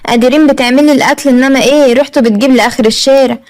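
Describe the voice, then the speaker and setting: A sharp-tongued Egyptian mother-in-law, put on by a woman narrator, firing off criticism in a high, very rapid voice. She sounds snide and critical in a storybook cartoon telling. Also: fairly even intonation, lightly acted.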